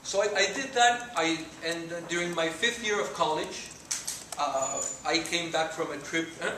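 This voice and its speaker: Speaking at a measured pace, this guest lecturer has a fairly high, sharp-toned voice. He's a Mexican man in his forties whose first language is Spanish, and he addresses students earnestly in a lecture room with a Mexican accent, gesturing while he talks. The sound comes from a far camera, echoey and noisy.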